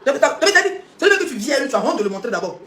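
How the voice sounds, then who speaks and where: A woman rants on a live stream, mocking her critics and firing off rhetorical questions between laughs. Her voice sits high and she rattles the words off at great speed. The sound bounces around an echoey room. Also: big pitch swings, rapid-fire, fairly bright tone, slight background noise. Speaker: social media live streamer. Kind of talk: heated live-stream rant.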